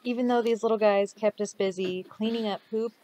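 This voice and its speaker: A woman's voice: mid-range voice, steady tone, brisk, warm tone. A woman narrating a dog rescue clinic vlog in an earnest, heartfelt voice-over.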